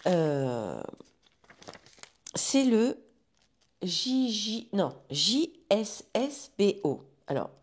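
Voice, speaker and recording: Casting: woman, knitting vlogger, conversational, rambling, self-correcting, mid pitch. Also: big pitch swings, drawn-out words, pauses often. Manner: chatty, rambling, with restarts and fillers. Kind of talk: casual chat to viewers.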